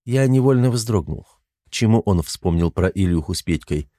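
A man narrating a first-person audiobook with a low, warm, mellow voice. His delivery is even, restrained and matter-of-fact, and the recording is close and dry with no room around it. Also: moderate pace, dry recording.

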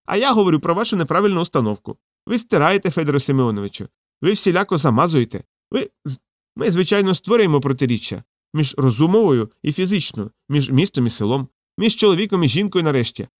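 A pompous middle-aged pseudo-scientist with a high, piercing falsetto, as a male audiobook reader puts him on. He lectures and accuses in a shrill, preachy sing-song. The recording is close and dry. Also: very animated, fast talker, no echo. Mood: lecturing. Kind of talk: audiobook character voice.

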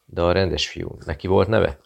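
A man reading a calm British investigator who talks in a friendly, quietly persuasive way. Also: sits low, vocal fry, breathy edge, full character voice. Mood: probing. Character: cool British male investigator posing as journalist.

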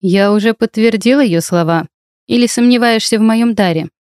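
An arrogant healer, a man who presses and threatens, snapping out curt commands in a dark, dry low voice, as a woman reads him out. He sounds imperious and spiteful throughout this storybook scene. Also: normal speed, dry recording, lightly acted. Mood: haughty, pressing.

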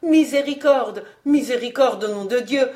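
A woman voicing a terrified, cowardly nobleman pleading for his life, in a loud, raised voice, in an audiobook. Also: a little high, animated, unhurried. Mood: desperate.

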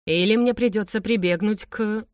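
A woman's voice: medium pitch, moderate pace, darkish tone, no echo, studio quality, far from the mic, voice pushed up, natural voice. A woman voicing a powerful man who speaks dryly, with sarcasm and curt commands. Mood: cold sarcastic.

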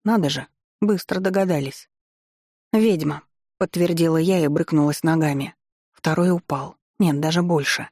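A narrator reading a first-person fantasy story aloud in a wry, expressive manner with ironic asides. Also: mid-range voice, moderate pace, dry recording, studio quality. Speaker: audiobook narrator.

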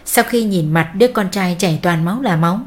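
A woman narrating a dramatic family story in steady, scripted storytelling. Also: on the low side, a little fast.

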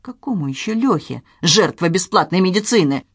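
A fussy, scornful head waiter exclaims and scolds in a raised, sharp voice, as an audiobook narrator does him. He sounds indignant and quick to insult. The sound is dry and close to the mic. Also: mid-range voice, animated, husky, no room sound. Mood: scolding. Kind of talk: audiobook character reading.

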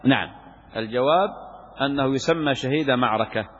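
A man's voice: mid-range voice, a little fast, husky. A sheikh teaching Islamic law, lecturing on a legal text, asking and answering his own questions and repeating key phrases for emphasis. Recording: muffled lo-fi recording in a reverberant hall.

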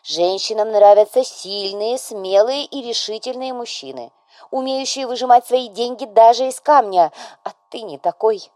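A woman's voice: fairly high pitch, moderate pace, darkish tone, no echo, voice pushed up, close to an everyday voice. A woman voicing an overbearing, melodramatic widowed mother who scolds and presses her grown son, in an audiobook. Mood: decisive.

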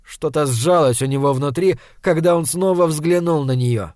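A male audiobook narrator telling a dark story in a steady, even way. His voice sits a little high for a man, and the recording is dry and close. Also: normal speed, dry recording. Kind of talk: scripted literary narration.

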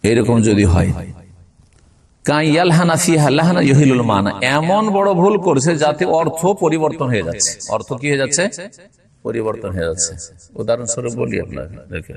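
A man's voice: mid-range voice, very animated, gravelly, a crowd in the background. Man teaching from a distance. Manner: explains slowly, checks understanding with frequent rhetorical questions; recites Arabic passages with careful pronunciation. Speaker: religious teacher. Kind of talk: classroom lecture on Islamic law.

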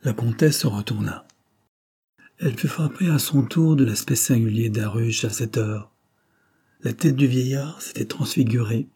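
A man narrating a classic novel as an audiobook in measured, dramatic storytelling. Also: medium pitch, warm tone, breathy edge.

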